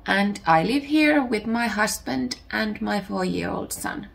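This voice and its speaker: This is casual home chat from a Finnish woman in her thirties who hosts a podcast; her Finnish accent is clear, her voice is recovering from illness, and she pauses to find words. She speaks at medium pitch, animated and creaky.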